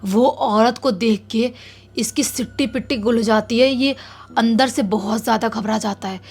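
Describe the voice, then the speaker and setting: A woman telling a horror story dramatically, dropping to a hush at tense moments. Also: fairly high pitch, moderate pace, slightly rough.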